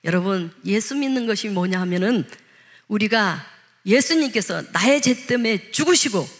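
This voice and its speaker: A woman pastor gives a Sunday sermon in an easy, conversational way. She keeps asking the congregation questions and acts out the lines she quotes. Her voice sits at a middle pitch. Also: expressive, normal speed.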